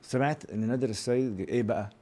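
A male interviewer with an Egyptian Arabic accent talks very quickly at a medium pitch. His style is chatty and informal, with frequent short prompts and words of agreement. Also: warm tone. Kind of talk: casual chat interview.

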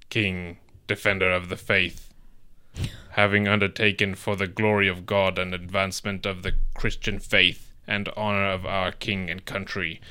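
Man doing a stately old-timey reader, low voice, smooth resonant tone, slow grand delivery. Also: sharp tone.

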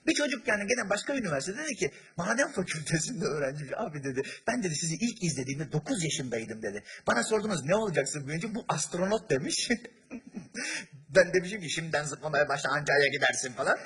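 A man from Turkey doing stand-up on a big theater stage, his high, bright voice carrying through a stage microphone. He tells stories with acted-out voices and keeps up a running banter with the audience. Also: fast, husky. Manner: animated storyteller, acts out voices, chats with the audience. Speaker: stand-up comedian. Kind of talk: stand-up comedy with crowd work. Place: large theater stage before a live audience.

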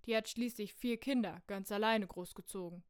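A woman's voice: medium pitch, moderate pace, smooth. A woman in a satirical stage comedy, pleading and fussy.

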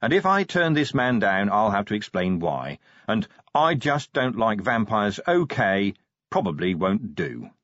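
A man's voice: on the low side, very animated, a little slow, a bit bright, no echo. A man voicing a weary, cynical middle-aged police commander with a sardonic, grumbling manner. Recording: dry, slightly dull audiobook recording.

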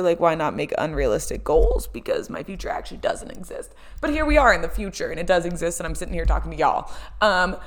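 A woman, hosting a casual solo chat and talking with many "um"s and "like"s. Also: lowish voice. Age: 20s. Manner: chatty, lots of "um" and "like", laughs often. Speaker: podcast host.

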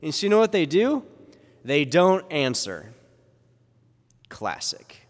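A man's voice: on the high side, big pitch swings, normal speed. Man preaching in a cathedral-like echo. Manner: rhetorical questions, informal asides. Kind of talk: Gospel reading and conversational homily. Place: large echoing church interior. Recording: cathedral-like echo, long hall reverb.

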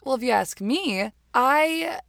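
A woman's voice: high voice, expressive, takes it slowly, vocal fry, a bit bright, no echo. A woman co-hosting a casual podcast, blunt and joking with casual swearing, recorded inside a walk-in closet. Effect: recorded inside a closet, dry close sound. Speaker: podcast co-host.

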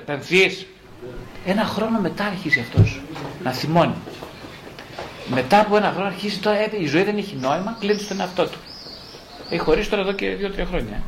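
A male psychotherapist explaining in an interview, animated and wry, acting out his patients' words. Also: high voice, slight background noise, rough recording. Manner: animated storyteller who acts out patients' lines; wry and mocking.

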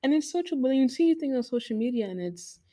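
A woman's voice: high-pitched, animated, dark tone. Young woman co-hosting a chatty faith podcast. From United States. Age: 20s. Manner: chatty, laughs often, drawn-out phrasing. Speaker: podcast co-host. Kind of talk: casual chat.

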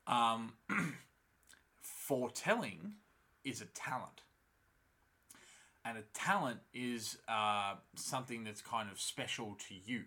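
A man chatting casually in an animated, slangy, sweary way, with lots of filler words like "um", "like" and "you know". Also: medium pitch, slow pace, long pauses. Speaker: co-host of a fan discussion show. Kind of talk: casual chat recapping a fantasy TV series.

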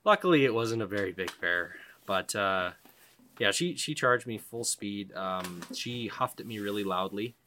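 A man in casual conversation telling a survival story, profane and animated, often acting out his own thoughts. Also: lowish voice.

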